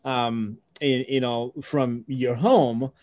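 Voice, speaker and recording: A man talking casually as an interview guest, thinking aloud with pauses and tag questions. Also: mid-range voice, steady tone, a little mellow. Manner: thoughtful, pauses often, asks tag questions.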